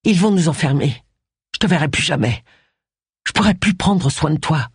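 Reader doing a desperate trapped guy with a gun, stammery, grim, low voice. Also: lively intonation, moderate pace, slightly rough, dry recording, clean studio sound, exaggerated voice. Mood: despairing. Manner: stammering, despairing. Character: desperate cornered male killer with a gun.

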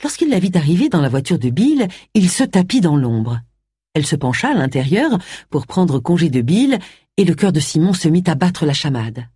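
Woman reading a novel out loud, husky low voice, really lively melody, dry close sound. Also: normal speed, dry recording. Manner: expressive reading, voicing all characters. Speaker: audiobook narrator. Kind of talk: scripted narration.

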